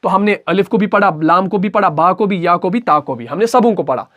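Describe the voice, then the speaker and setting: A man's voice: high-pitched, lively intonation, brisk, fairly bright tone, highs cut off. A man teaching a recitation class, patient and repetitive, who asks questions and answers them himself. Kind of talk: explanatory recitation lesson.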